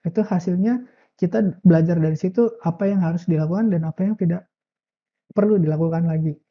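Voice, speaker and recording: A woman giving a relaxed, casual motivational talk, full of filler words and drawn-out "eee" hesitations. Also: on the low side, dull audio. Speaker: self-improvement speaker.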